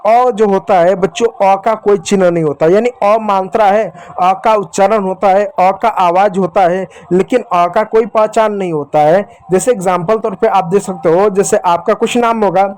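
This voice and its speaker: Male teacher, high voice, patient and repetitive, slow drill of letter sounds for beginners. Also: fairly even intonation, darkish tone. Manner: patient, drills sounds slowly and repeats them, addresses viewers as children. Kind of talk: beginner Hindi reading lesson.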